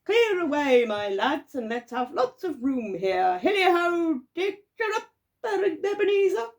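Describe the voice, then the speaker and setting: A woman voicing a jovial, stout old merchant in a storybook reading, calling out loudly and cheerfully. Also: a little high, sing-song, slow pace, full character voice. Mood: boisterous. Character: jolly fat old male merchant, boisterous.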